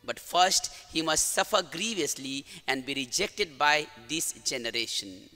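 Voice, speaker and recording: A man with an Indian English accent, a priest reading the gospel and preaching in a formal, measured way, with the cathedral echo of a large church. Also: a little high, animated, sharp tone, soft background music. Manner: formal, measured liturgical delivery. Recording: long church reverb.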